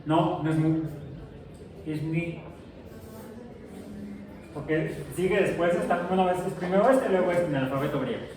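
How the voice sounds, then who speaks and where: A man's voice: fairly high pitch, normal speed, pauses often, crowd noise. A middle-aged man teaching a science class, chatty and jokey, asking his students questions as he lectures. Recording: echoey classroom from far off, faint noise.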